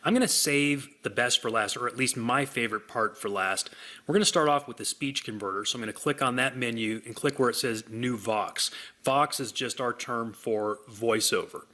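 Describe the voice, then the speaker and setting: A man hosting a software demonstration, walking through it in an upbeat sales manner. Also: mid-range voice. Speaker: software demo host. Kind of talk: product demonstration.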